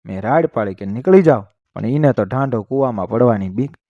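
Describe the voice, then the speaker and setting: A tired middle-aged village woman from a told story, speaking in plain rural talk that rises on urgent words. Her voice sits at an ordinary middle pitch, read by a man in his own voice. The sound is very dry and close. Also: animated, brisk, mellow, dry recording, muffled recording, lightly acted. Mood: urgent retelling.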